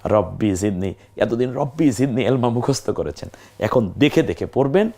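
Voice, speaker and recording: A man teaching Quran reading in a recorded lesson, speaking to the viewer and slowly drawing out practice syllables one after another. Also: mid-range voice, lively intonation, warm tone. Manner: patient, addresses viewers directly, drawn-out practice syllables.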